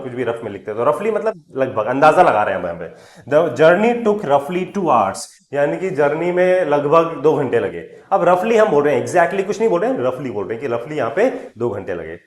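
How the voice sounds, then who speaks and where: A male English teacher with a lively, swooping delivery, punching each new word loudly before his voice drops away. He reads example sentences slowly and carefully, then explains them at an easy pace. The recording is roomy, with a clear echo around his voice. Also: a little high. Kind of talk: spoken English lesson explaining words in Hindi.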